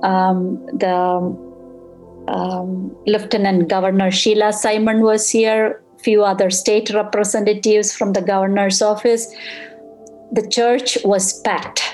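A bereaved mother in an interview, recounting events in a steady, matter-of-fact way. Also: mid-range voice, slow, faint music behind. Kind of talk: personal recollection interview.

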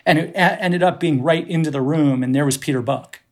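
A man's voice: a little high, fairly quick. A middle-aged man from the Boston area, a podcast guest, telling rambling, profane, self-deprecating stories full of restarts. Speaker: podcast guest, festival producer. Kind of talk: casual storytelling conversation.

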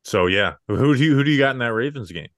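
A man's voice: mid-range voice, expressive, fast talker, no echo. A young man co-hosting a casual sports talk show, loose and full of "like" fillers. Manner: casual, filler-heavy with lots of "like". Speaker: podcast co-host.

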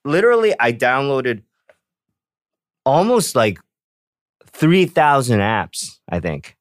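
A man in casual chat who tells stories with animated acted-out reactions. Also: medium pitch, slow, dry recording, studio quality. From South Korea. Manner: animated storyteller, acts out reactions.

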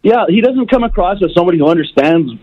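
A male caller phones in for a casual call-in chat, talking loosely and with strong opinions, full of fillers. His high-pitched voice has lively intonation and a quick pace, and it sounds muffled over the phone line.

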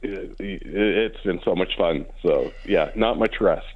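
A low-voiced man, hoarse and raspy from celebrating, answers casual interview questions haltingly, repeating words as he gathers his thoughts. He's a businessman and hockey team co-owner, heard over a dull, band-limited, phone-like line.

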